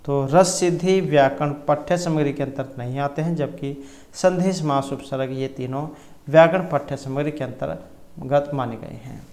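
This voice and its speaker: This man's voice sits fairly high and sounds a little mellow, moving at an ordinary speed. Tutoring for a Sanskrit exam, he explains the multiple-choice answers, lists terms and grammar rules in turn, and fixes his wording partway through sentences.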